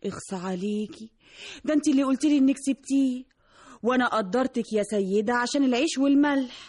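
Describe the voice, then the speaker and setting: An actress playing a frightened young Egyptian hairdresser in a radio drama, pleading and anxious. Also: female voice, on the high side, quick pace, darkish tone, slightly rough. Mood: worried. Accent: Egyptian Arabic.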